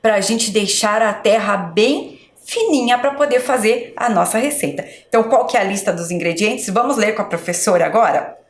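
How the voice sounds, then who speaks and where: A woman teacher with a Brazilian Portuguese accent giving a primary school video lesson, spelling words slowly syllable by syllable for young children. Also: medium pitch. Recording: echoey room.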